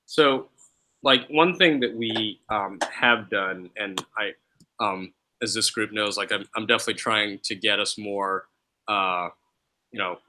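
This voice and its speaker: Man, low voice, very bright tone, teacher, rambling casual talk. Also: unhurried, rough recording. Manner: loose and rambling, many fillers. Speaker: teacher running a student help desk. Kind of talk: casual discussion.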